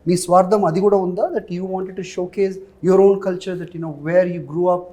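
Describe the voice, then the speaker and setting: A man's voice: high-pitched, little pitch movement, racing, dark tone. A man with a Telugu Indian accent interviewing in a chatty way, switching languages and dropping in tag questions. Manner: chatty, frequent filler phrases and tag questions. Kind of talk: film interview, switching between two languages.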